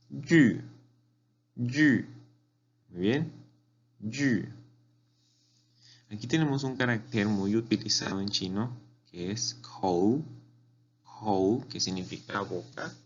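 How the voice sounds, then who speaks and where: A man's voice: lowish voice, takes it slowly, pauses often. A man teaching a beginner language class, patiently repeating words for learners to copy. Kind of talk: slow spoken language lesson. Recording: dull lo-fi recording with faint hum.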